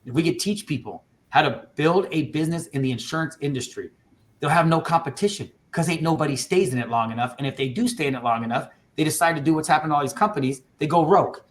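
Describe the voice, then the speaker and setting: A man's voice: a little high, fast. A man hosting a casual panel talk, speaking with passion and emphasis and often cutting in.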